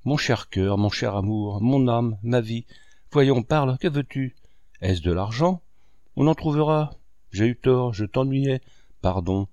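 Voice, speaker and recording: A man's voice: medium pitch, a little slow, dark tone, no room sound, dull audio, natural voice. A man voicing a desperate, lovesick married woman who pleads and implores in an audiobook reading. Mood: adoring, imploring.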